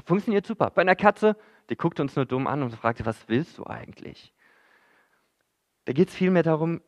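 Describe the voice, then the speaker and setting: A man's voice: mid-range voice, lo-fi sound. A man preaching a sermon in church, in a conversational way that addresses the listeners directly, with frequent fillers.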